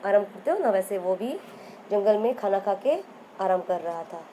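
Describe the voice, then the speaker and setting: A woman's voice: mid-range voice, sing-song, normal speed, mellow, slight background noise, low-quality recording. Woman teacher quizzing children through a story. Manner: repeats and quizzes the listeners.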